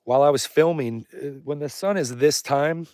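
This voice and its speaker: A man's voice: a little high, moderate pace, darkish tone, no room sound, studio quality. A man speaking in a casual, rambling live vlog, informal and self-deprecating, drifting between thoughts as he goes. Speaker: filmmaker live-streaming as a vlogger. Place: outdoors on snow and ice at an Antarctic camp. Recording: clear outdoor background noise.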